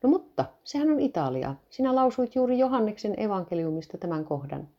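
A woman reading the lines of a stern, quick-tempered older clergyman father. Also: mid-range voice, big pitch swings, voice pushed up. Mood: wondering. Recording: dull lo-fi recording.

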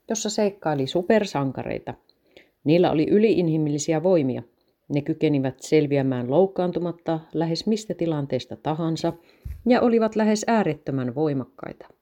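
Woman narrator for a children's story; low, mellow voice, lifts pitch for kids' lines. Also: lively intonation. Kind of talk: storybook reading.

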